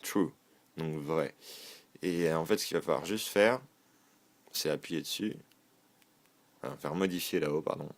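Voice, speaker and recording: A man's voice: very deep voice, measured pace, long pauses. A man casually walking through a phone tutorial, informal and hesitant, with many fillers and self-corrections. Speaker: tech tutorial host. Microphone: filmed on a phone.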